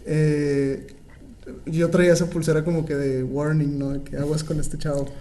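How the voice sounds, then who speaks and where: A man, co-hosting a podcast and telling stories in an animated way, laughing often. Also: on the high side, moderate pace, a crowd in the background. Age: 20s. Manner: animated storyteller, laughs often, many fillers. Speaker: podcast co-host. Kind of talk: casual podcast conversation.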